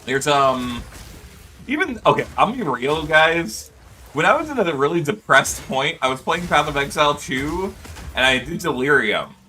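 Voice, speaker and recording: A man streaming a game and chatting casually with his viewers. He talks in an animated way into a desk mic, laughs often and breaks into high yelps. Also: normal speed, faint music behind. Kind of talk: casual gaming livestream chat. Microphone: desk microphone.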